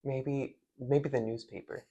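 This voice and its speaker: A man who is a guest on a casual podcast, speaking haltingly with restarts and dry jokes. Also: mid-range voice, steady tone, mellow, muffled recording. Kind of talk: casual chat.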